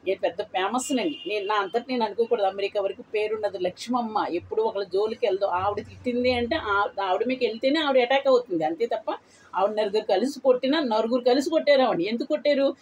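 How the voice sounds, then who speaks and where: A woman's voice: fairly high pitch, fast talker, a little mellow, slight background noise, low-quality recording. A woman in her eighties chatting bluntly and at length to her viewers in a casual vlog. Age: 80s. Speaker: vlogger. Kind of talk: casual chat to camera.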